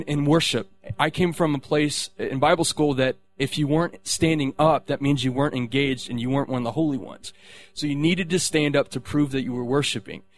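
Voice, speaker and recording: A man sharing a personal faith testimony, rambling, with many restarts and fillers. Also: on the high side.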